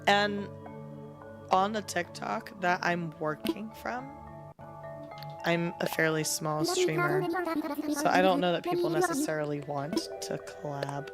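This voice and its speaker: A young woman with a raspy, sick voice chats candidly on a home live stream, clearing her throat between thoughts. Her pitch sits on the low side for a woman. Clear music plays behind her. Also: sing-song, a little slow. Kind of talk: casual live-stream chat. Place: at home, near bed.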